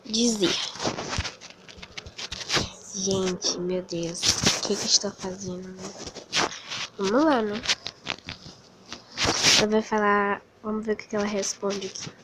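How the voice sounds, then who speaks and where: A woman hosting a casual vlog, talking nervously and slowly reading out her messages as she types them on a phone. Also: mid-range voice, steady tone, very noisy. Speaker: channel host. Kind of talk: casual vlog commentary while texting.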